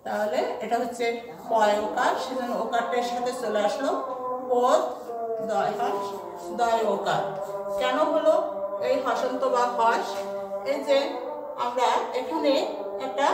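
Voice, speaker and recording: A woman teacher giving a pronunciation lesson, spelling words out slowly and repeating each one. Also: sits high. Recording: echoey room, distant mic.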